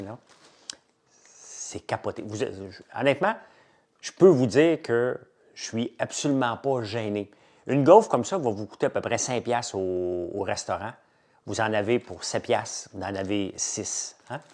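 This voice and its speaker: A middle-aged man with a strong Québécois French accent talks casually to his live-stream viewers. He sounds chatty and keen, like an upbeat salesman. His voice sits a little on the low side. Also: moderate pace. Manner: chatty, enthusiastic salesman, lively and animated. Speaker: entrepreneur hosting a live chat.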